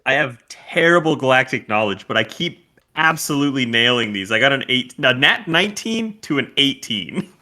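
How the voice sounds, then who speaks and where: A man's voice: medium pitch, sing-song, moderate pace, bright, forceful tone. A man playing a tabletop game who talks in a blunt, joking way. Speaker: player. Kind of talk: casual tabletop play.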